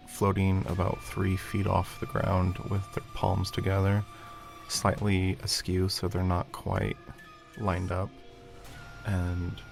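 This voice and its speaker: A man's voice: low-pitched, vocal fry. A man acting as game master, improvising narration for a tabletop game. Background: background music.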